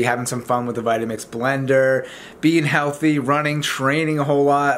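A man's voice: medium pitch, slight background noise. A man around thirty talking casually to camera as a vlogger at home, chatty and informal as he explains things. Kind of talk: casual vlog talk to camera. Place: indoors in a home living room.

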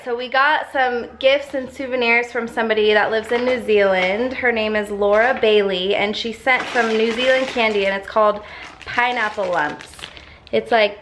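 A woman's voice: fairly high pitch, moderate pace, fairly bright tone, a little hiss or hum. Giggly woman vlogging at home. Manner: light, giggly, chatty. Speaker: family vlogger. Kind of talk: casual vlog chat. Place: home kitchen indoors. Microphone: handheld camera at arm's length.

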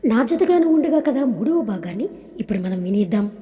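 Mellow woman narrating a story. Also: a little high, sing-song, brisk, in a large hall. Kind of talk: scripted narration.

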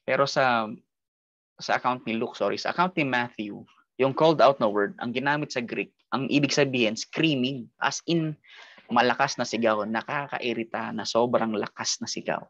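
A man with a Filipino accent leads an online Bible study, explaining things step by step, mixing English into his Tagalog and often closing phrases with a tag question. His mid-range voice is a little bright and moves at a normal speed. The audio is dull, with no room sound.

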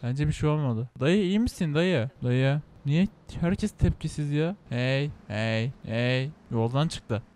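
A young man from İzmir with a Turkish accent, joking and excitable as he comments on his own gameplay and talks to the characters. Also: medium pitch, slow, few pauses. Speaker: gaming channel host.

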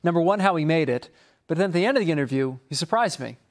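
A male TV news reporter narrating a feature and chatting on set in a news studio, animated delivery. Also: a little high, fast talker.

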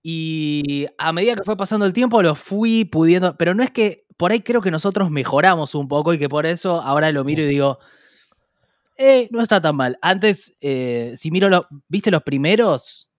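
An Argentine man co-hosting a podcast, chatting casually, often hesitant and trailing off softly. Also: a little high, expressive, moderate pace, few pauses, no room sound, clean studio sound. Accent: Argentine Spanish. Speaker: podcast co-host. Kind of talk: casual chat.

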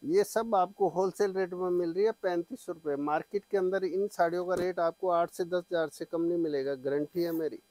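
A middle-aged man giving an eager teleshopping-style sales pitch, full of repeated assurances, as he presents products on a lapel mic. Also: steady tone, brisk, few pauses, dark tone, no echo, rough recording. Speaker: saree shop seller and presenter. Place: small saree shop, indoors. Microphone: clip-on lapel mic.

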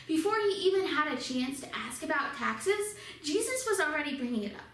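A young woman teaching children's church gives a Bible lesson for kids in a high, bright voice, telling the story with animation and speaking directly to the children. She's in a small studio with a red backdrop, and the echoey room leaves her sounding a bit off-mic and distant.

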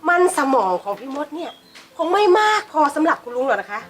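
A woman's voice: sits high, sing-song, quick pace, soft background music. A woman playing a patient, motherly housemaid who teaches English in an online short drama. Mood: teasing. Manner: patient and motherly, talks in a teasing then gentle way.

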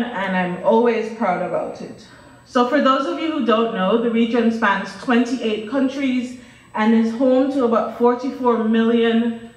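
Woman lecturer, fairly high voice, at a podium, heard from afar in a roomy hall. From Guyana, raised in Jamaica. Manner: reads steadily from prepared remarks, listing items one by one. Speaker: researcher giving a lecture. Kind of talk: prepared lecture. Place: lecture hall with a stage and screen. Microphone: podium mic, far camera. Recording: echoey hall, voice from far off.

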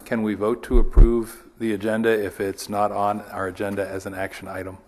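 A man's voice: fairly low pitch, flat delivery, a little fast, in a large hall, crowd noise. A man on a public board, asking plain questions at a meeting. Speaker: board member.

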